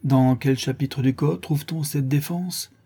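Narrator doing a commanding old count, dark and husky voice, storybook reading. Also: male voice, mid-range voice, fairly even intonation, a little slow, voice pushed up. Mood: authoritative. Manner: dry, commanding, sly. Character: stern but kindly aging count, governor. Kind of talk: audiobook reading.

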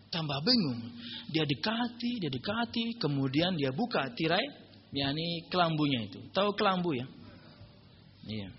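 A male Islamic preacher telling a story in a humorous religious lecture, joking and animated. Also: sits high, muffled recording, slight background noise.

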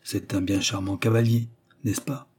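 A man reading aloud and voicing a naive young woman who speaks hesitantly and fearfully, often hushed. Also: fairly low pitch, little pitch movement, normal speed, husky.

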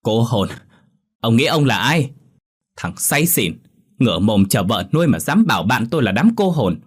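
A man voicing a rude, defiant young daughter who mocks and shouts insults at her parents, in a spoken horror story. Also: very animated, moderate pace, slightly rough. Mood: scornful. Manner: shrill, mocking, shouting insults.

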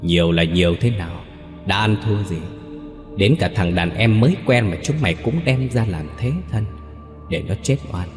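A man's voice: on the low side, normal speed, reverberant, big-room sound, faint music behind, natural voice. A man voicing a young male ghost, cold, bitter and accusing.

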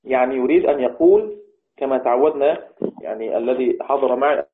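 A man teaching Quranic readings in a lecture, asking his students questions and answering them himself, slowing down to recite verse lines. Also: medium pitch. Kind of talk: classroom lecture. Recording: tinny phone-like recording.

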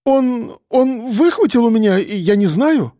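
A cowardly, whining prison doctor mumbles timidly and breaks into shrill shrieks, voiced by a man reading a story. The voice sits high and swings widely. The recording is dry and close. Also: big pitch swings, moderate pace, a little mellow, husky, no room sound, full character voice. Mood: shrill panic.

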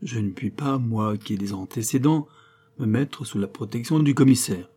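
A man's voice: mid-range voice, normal speed, warm tone, husky, close to an everyday voice. A man voicing a frightened, servile older male ex-steward who speaks humbly and pleads in a spoken storybook. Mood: humble.

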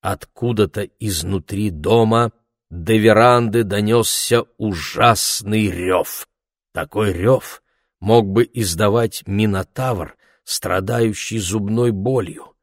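A man narrating an audiobook in an expressive storytelling voice. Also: fairly low pitch, slow, dry recording, studio quality. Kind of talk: scripted narration.

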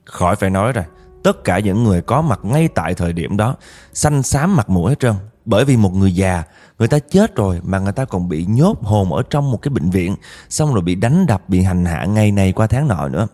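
A man's voice: lowish voice, very animated, brisk, warm tone. A man narrating a ghost story casually, chatting directly with his listeners.

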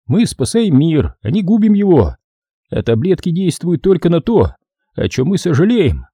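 A man putting on a gentle young doctor. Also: a little high, very animated, moderate pace, slightly rough, no room sound, pitched above the performer's own voice, full character voice. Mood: reassuring. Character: young male doctor, calm and gently sincere.

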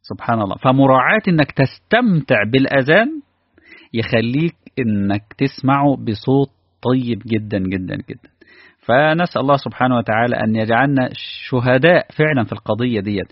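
A man with an Egyptian accent preaching a sermon, animated and asking his listeners rhetorical questions. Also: mid-range voice, fast, no echo. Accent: Egyptian Arabic. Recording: dull, lo-fi dry recording.

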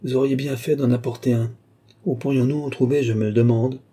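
A man voicing a blunt young girl who speaks up loudly. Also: mid-range voice, steady tone, a little fast, voice pushed up, close to an everyday voice. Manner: blunt, loud.

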